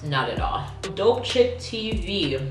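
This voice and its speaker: A woman's voice: mid-range voice, big pitch swings. A woman answering viewer questions in a casual, chatty video, with emphatic, slangy delivery. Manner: emphatic, slangy, quick to laugh. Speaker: vlog host reading viewer questions. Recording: roomy echo, faint background music. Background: faint music.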